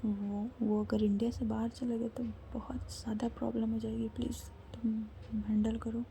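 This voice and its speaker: A woman's voice: on the high side, level tone, normal speed, vocal fry, dark tone, a little hiss or hum. A woman doing a faint, hesitant bedridden young woman. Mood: timid. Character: weak, bedridden young woman, timid and shaken.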